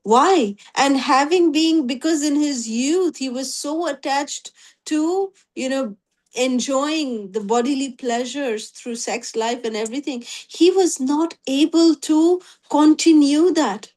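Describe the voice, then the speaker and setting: A woman's voice: sits high, slow pace, darkish tone. A woman leading a devotional scripture class online, telling stories and often adding "you know". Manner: storytelling, with frequent "you know" fillers. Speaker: spiritual class teacher. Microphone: online video call.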